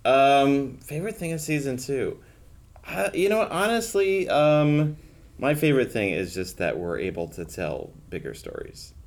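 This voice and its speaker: A man's voice: medium pitch, very animated, moderate pace. A man, a show's co-creator and director, chatting casually on a podcast with many ums and restarts. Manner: hesitant, many fillers.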